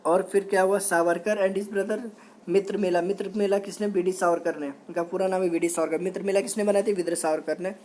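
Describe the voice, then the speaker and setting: Mellow-voiced male history teacher. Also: high voice, steady tone, a little hiss or hum. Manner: reads English notes slowly, then explains in Hindi; quizzes with repeated questions and "okay". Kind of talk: exam-prep history lecture.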